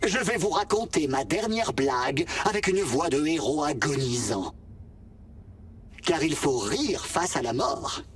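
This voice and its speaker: A sentient vending machine in a video game, wry and gentle. The delivery is unhurried and theatrically expressive, with big swings in pitch. It sounds slightly distant and polite. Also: male voice, husky, exaggerated voice. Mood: melodramatic, brave farewell. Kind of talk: video game acting in French.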